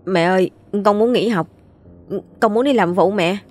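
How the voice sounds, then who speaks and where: A woman's voice: mid-range voice, moderate pace, darkish tone, faint music behind, close to an everyday voice. A woman voicing a poor, frightened young boy who pleads through tears. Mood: earnest. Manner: crying, pleading.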